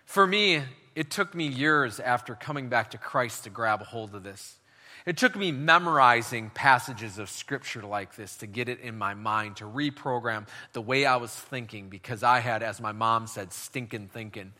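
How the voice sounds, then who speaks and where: A man delivers a sermon with a strikingly bright, forceful tone. He preaches emphatically and leads his listeners in call and response. His voice carries a long reverb, as in a large hall. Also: medium pitch, moderate pace. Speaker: pastor.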